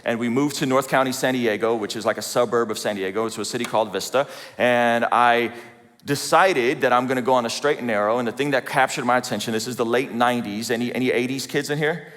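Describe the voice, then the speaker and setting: A man in his forties from Azerbaijan shares a joking, self-deprecating story with a live audience. His voice sits at a middle pitch. It carries a long reverb from a large hall. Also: quick pace, fairly bright tone. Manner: conversational, self-deprecating, asks the audience questions. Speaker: speaker at a church event. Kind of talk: humorous personal testimony talk.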